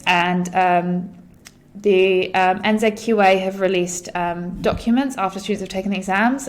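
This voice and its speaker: A young woman talks students through exam writing as a teacher. Her advice is direct and encouraging, with pauses and "um"s as she goes. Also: mid-range voice. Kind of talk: explanatory lesson voice-over.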